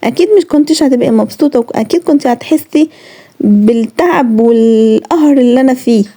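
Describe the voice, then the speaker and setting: Fast-talking high-voiced Egyptian woman. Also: warm tone. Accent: Egyptian Arabic. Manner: earnest, reproachful, lecturing listeners directly. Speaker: vlogger. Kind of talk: heartfelt talk to camera.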